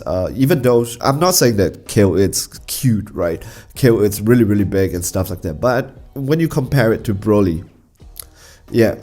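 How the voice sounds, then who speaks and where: A man talks casually about a card game deck, his voice nasal and stuffy from a cold. His voice sits at an ordinary middle pitch and strains a little from coughing. He stammers and restarts as he chats. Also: darkish tone. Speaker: card game channel host.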